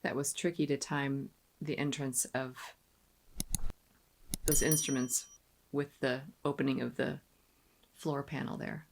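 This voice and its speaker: A woman's voice: a bass voice, flat delivery, measured pace, pauses often. A woman giving casual movie reaction commentary, musing and making wry asides. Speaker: film reaction host. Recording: noisy, with clicks.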